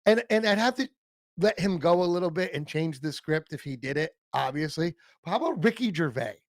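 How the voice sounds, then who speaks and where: A man's voice: on the high side, animated, a little fast, dry recording. A man co-hosting a casual fan podcast about an old TV show, rambling and self-interrupting, laughing often. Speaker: podcast co-host.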